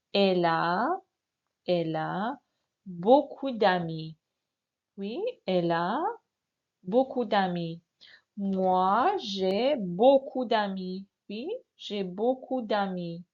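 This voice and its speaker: Woman teaching real slow, gravelly voice, dull lo-fi sound. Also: mid-range voice, a little mellow. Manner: slow, patient, repeats words and asks learners to answer. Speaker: French teacher. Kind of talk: classroom lesson. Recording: dull lo-fi recording.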